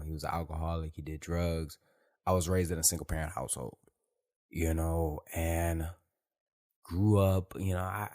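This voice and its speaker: A deep-voiced podcast host from Detroit, USA, delivers an unscripted, casual monologue. His talk is loose and rambling, peppered with "you feel me" and profanity.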